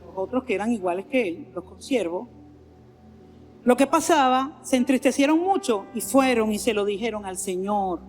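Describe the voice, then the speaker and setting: A woman's voice: a little high, lively intonation, moderate pace, a little mellow. A woman pastor with a Venezuelan accent preaching a sermon in a church, earnestly repeating her phrases for emphasis. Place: large church sanctuary. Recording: long hall reverb, faint music underneath.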